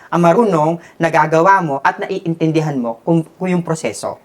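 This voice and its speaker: A man's voice: on the high side, normal speed. A man with a Filipino accent, a hair stylist and guest, telling his story in a casual interview and switching between Tagalog and English.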